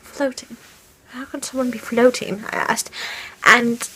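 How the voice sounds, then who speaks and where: A woman's voice: on the high side, fairly even intonation, breathy edge, poor audio. A woman playing a frightened, whispering young woman. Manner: hushed, halting, often whispering. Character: frightened young woman haunted by dreams of falling. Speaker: vlogger. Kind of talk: in-character fan fiction vlog. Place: at home. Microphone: camera mic.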